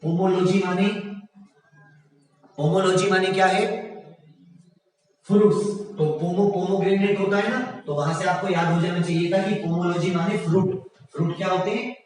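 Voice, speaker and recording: A man teaching a general science class online, reading out quiz options slowly and praising his students often. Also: high voice, steady tone, a little mellow, very echoey, long reverb tail, recorded from a distance, faint music behind, rough recording.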